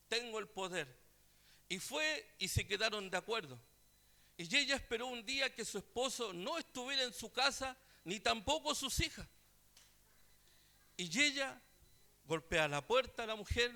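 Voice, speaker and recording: A male preacher telling a story in a sermon, swinging between quiet asides and loud exclamations. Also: sits high, vocal fry.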